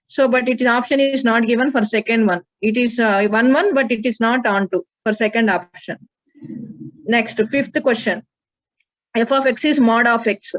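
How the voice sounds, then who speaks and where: A woman with an Indian accent teaching a maths class, working through problems and prompting students with questions. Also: on the high side. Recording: dull, lo-fi audio.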